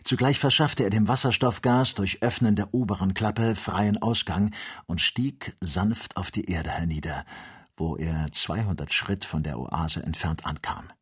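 A man reading an adventure novel aloud as audiobook narrator, in measured storytelling. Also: low voice, breathy edge. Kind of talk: scripted narration.

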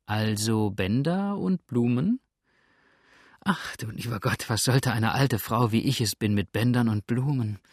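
A coy, fussy older landlady from an audiobook, sly beneath her flustered manner, as a male narrator puts her on. Her voice sits a little higher than a man's usual, and the reading is dry and close. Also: expressive, unhurried, no echo.

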